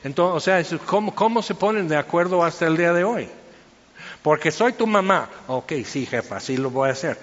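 A man's voice: a little high, lively intonation, normal speed, in a large hall, highs cut off. A man giving informal Bible teaching, chatty and storytelling, full of fillers.

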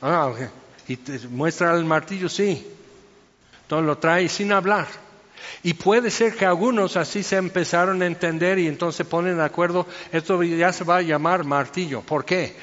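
A man's voice: high-pitched, normal speed, a bit bright, in a large hall, lo-fi sound. A man giving informal Bible teaching, chatty and storytelling, full of fillers.

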